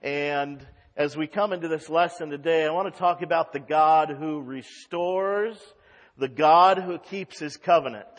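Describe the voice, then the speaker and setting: A man's voice: a little high, unhurried, highs cut off. A male pastor preaching an expository sermon at a pulpit microphone, reading scripture aloud and explaining it. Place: church sanctuary. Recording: long reverb of a large church hall.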